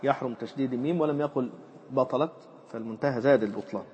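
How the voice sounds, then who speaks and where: Sheikh explaining jurisprudence. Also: male voice, racing, a little mellow. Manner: reads a passage aloud, then explains it with fillers and repetition. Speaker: Islamic jurisprudence teacher. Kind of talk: explanatory lesson on a classical text. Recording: muffled low-fidelity recording with faint background noise.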